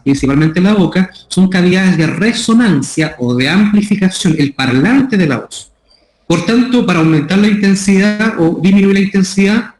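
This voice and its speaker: A man with a Chilean Spanish accent giving a methodical, explanatory lecture on voice care, repeating his key terms. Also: high voice. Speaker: voice care workshop instructor. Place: school room. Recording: echoey room.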